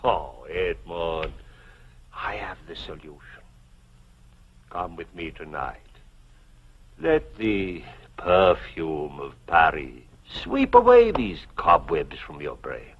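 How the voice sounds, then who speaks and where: An actor playing a genial, worldly, fussing middle-aged uncle in a theatrical 1950s television drama style, with formal old-world phrasing. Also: male voice, low voice, wildly swooping pitch, slow pace, highs cut off, a little hiss or hum, exaggerated voice. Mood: exasperated.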